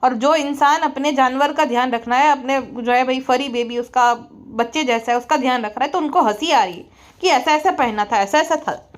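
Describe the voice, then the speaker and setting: A woman's voice: high voice, moderate pace. A woman vlogger giving gossip commentary in a scolding, sarcastic, outspoken way.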